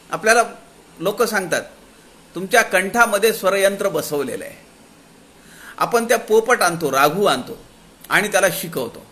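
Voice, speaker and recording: Lively, bright-voiced man giving a discourse. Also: high voice. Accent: Marathi. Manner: slows to draw out quoted verses. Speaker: spiritual discourse speaker. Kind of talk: devotional discourse explaining scripture.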